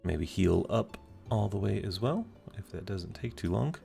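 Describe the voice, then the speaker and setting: Gravelly low-voiced man casually narrating gameplay. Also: expressive, normal speed, warm tone, soft background music. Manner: casual, muttering to himself, humming filler tunes. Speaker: video game player. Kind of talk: let's play commentary.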